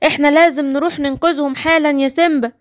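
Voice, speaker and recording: Egyptian lady doing a brave quick hero guy, urgent, dry close sound. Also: high-pitched, fairly even intonation, no room sound, lightly acted. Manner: urgent, decisive. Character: brave male speedy superhero.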